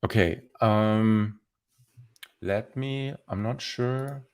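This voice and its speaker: A man presenting a software demo on a live stream, explaining features as he thinks aloud with many restarts and fillers. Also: fairly low pitch, extremely slow, clear, resonant tone. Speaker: developer presenter.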